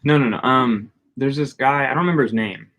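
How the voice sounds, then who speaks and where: Relaxed man chatting on a livestream. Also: mid-range voice, brisk. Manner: rambling, greets chat viewers by name. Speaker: livestream co-host. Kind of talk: casual livestream chat.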